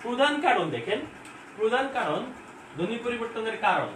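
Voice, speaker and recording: A man's voice: high voice, big pitch swings, normal speed. A man teaching an informal online exam-prep class from home, talking conversationally and often asking questions and answering them himself. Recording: echoey room, far from mic, faint hiss.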